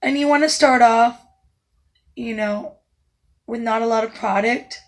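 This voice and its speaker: A woman makeup artist walks through a tutorial one step at a time, her naturally raspy voice hoarse and cutting in and out. She stays calm and instructive, slipping in soft asides as she works. Her pitch is on the high side and she takes her time.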